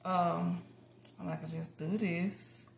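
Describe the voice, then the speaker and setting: Taking it slowly, this American woman's low, creaky, steady voice carries a casual, candid chat with her viewers as she cooks in her home kitchen indoors. She's a home cooking vlogger, and the roomy kitchen brings noticeable background noise.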